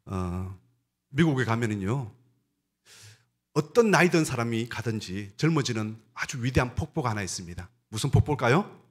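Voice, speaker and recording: Man, pastor, sermon, husky voice, lively swings in pitch. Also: moderate pace. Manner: animated storytelling, questions to the congregation.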